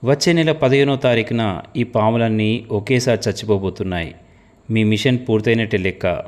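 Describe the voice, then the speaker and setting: A man reading the lines of a cold, calculating woman agent in an audio story, speaking calmly and quietly. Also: on the low side, moderate pace, lightly acted. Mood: cool, steely. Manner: calm and quiet, flaring to shouts.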